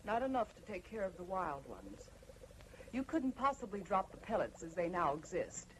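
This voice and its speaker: An actress playing a cold, confident mad scientist in an old horror film, speaking in a clinical, imperious, deliberate way. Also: female voice, lowish voice, very animated, slight background noise, poor audio. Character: cold, confident female mad scientist breeding obedient slaves.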